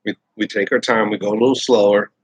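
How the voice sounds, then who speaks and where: A man's voice: on the low side, steady tone, fast talker, breathy edge, no echo, rough recording. A man in his thirties hosting a casual live chat, rambling and swearing freely. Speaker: host.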